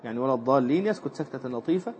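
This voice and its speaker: A man's voice: expressive, racing, darkish tone. A male teacher gives a lesson on Islamic jurisprudence, reading lines from a classical text and then explaining them with fillers and repetition. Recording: muffled low-fidelity recording with faint background noise.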